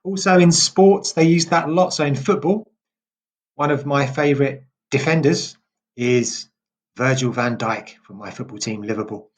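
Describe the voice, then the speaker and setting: A British man from England giving an English pronunciation lesson, speaking slowly and deliberately and repeating example words clearly. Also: medium pitch. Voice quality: slow and deliberate, drawing out words for emphasis.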